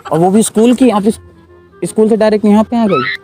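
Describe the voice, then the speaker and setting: Young male prank host, playful and pleading, slightly high pitch, music bed underneath. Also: a little fast. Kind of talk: prank chat with a stranger. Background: background music.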